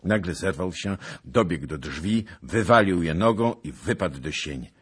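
Deep-voiced husky male narrator. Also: expressive, unhurried. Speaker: audiobook narrator. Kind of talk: dramatic literary narration.

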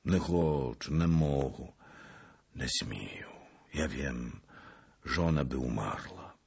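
A man doing a gruff brooding Cossack. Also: very deep voice, slow, darkish tone, exaggerated voice. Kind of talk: audiobook character voice.

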